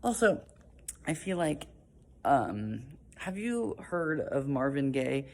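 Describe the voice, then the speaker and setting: A man's voice: a little high, very animated, slow pace, a little mellow. A chatty young man in his twenties speaking straight to camera. He is casual and apologetic, with lots of fillers, as he introduces his comedy audition. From Pacific Northwest US. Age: 20s.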